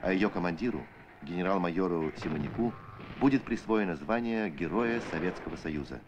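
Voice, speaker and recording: Deep-voiced male old-newsreel narrator. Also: expressive, noisy background. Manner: measured, declamatory documentary delivery. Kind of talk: old Soviet newsreel narration, scripted and solemn. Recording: archival film soundtrack with music. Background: music.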